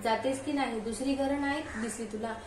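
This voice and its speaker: Woman voicing a proud queen, contemptuous scolding, storybook reading, fairly high voice, roomy echo. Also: fairly even intonation, fairly quick, natural voice. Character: haughty angry queen driving off an old woman. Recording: roomy room with ambient noise.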